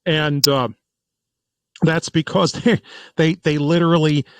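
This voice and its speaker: Animated man hosting a political podcast. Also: a little high, slow pace, no echo, low-quality recording. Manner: animated, restarts and repeats words often. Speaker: podcast host. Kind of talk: casual political commentary.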